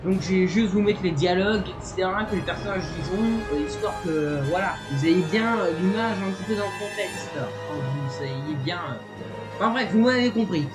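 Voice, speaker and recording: A man's voice: high-pitched, normal speed. Rambling French YouTuber guy over music. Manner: rambling, many fillers and restarts; playful, self-mocking. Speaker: YouTube channel host. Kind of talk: casual chatty video intro. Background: background music.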